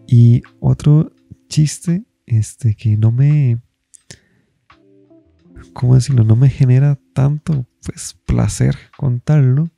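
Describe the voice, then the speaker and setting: A man's voice: medium pitch, vocal fry, warm tone. A man with a Costa Rican accent, a stand-up comedian casually telling stories about his shows and rambling with many fillers. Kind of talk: casual personal storytelling.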